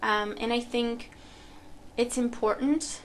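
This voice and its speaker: Her voice is on the high side, steady in tone and slow, with slight background noise. She's a Romanian tarot reader unboxing a deck at a home table, thinking aloud with fillers and restarts as she comments casually.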